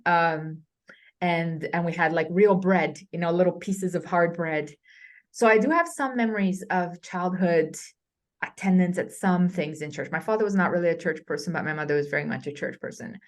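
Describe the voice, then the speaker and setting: A woman from Romania, appearing as a scholar guest, with a somewhat low voice for a woman. She tells her stories conversationally, stopping to restart and filling gaps with ums. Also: moderate pace. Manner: hesitant, with many fillers and restarts. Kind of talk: conversational storytelling.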